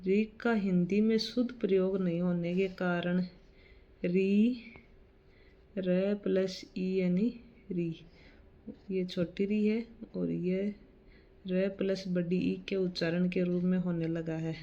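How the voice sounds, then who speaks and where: Slow, even-voiced woman teaching grammar. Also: on the low side, highs cut off. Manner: slow, measured, reads definitions then explains them plainly. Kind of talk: reading and explaining study notes.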